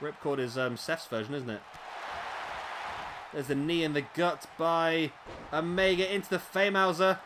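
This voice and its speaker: Fairly high in pitch and slightly raspy, a man calls a wrestling video game play-by-play at normal speed, pausing often. Background noise is audible, and he grows excitable at big moves between chatty asides.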